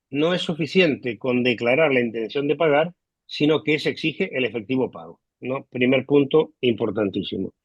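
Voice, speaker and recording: A man on a video call explaining tax law in a measured way, hesitating often with "eh", over low quality stream audio. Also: dry recording. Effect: low quality stream audio, connection dropping. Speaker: legal expert guest. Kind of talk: explaining law in a remote interview. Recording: dull lo-fi online call audio.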